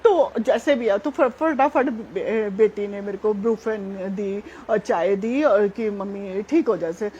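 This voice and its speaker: A middle-aged woman sharing a devotional testimony at a satsang, chatty and animated, often laughing as she tells it. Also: mid-range voice, slow, hardly any pauses, highs cut off, slight background noise. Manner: chatty, animated, laughs while telling, many fillers.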